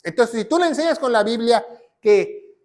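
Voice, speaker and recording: High-voiced emphatic preacher man. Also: animated, normal speed, a little mellow. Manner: emphatic preaching, repeats phrases, quotes scripture. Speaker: pastor. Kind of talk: sermon teaching.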